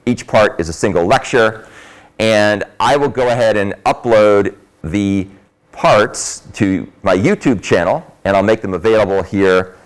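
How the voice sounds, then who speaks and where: A man's voice: on the low side, a little slow. A man giving an informal, explanatory university lecture in a classroom, his voice muffled by a face mask, with emphatic stresses.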